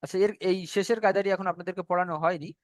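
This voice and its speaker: With fairly even intonation and a somewhat high voice, a man leads an online tajweed lesson, going through the rules of Quran recitation one by one. He slowly extends each recited word so it can be copied. The audio sits close and dry, free of room echo.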